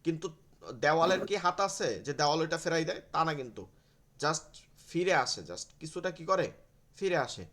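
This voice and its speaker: A man teaching an online class, explaining slowly and modeling each sound again and again for his students over a video call. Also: fairly high pitch, fairly bright tone. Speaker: Quran teacher.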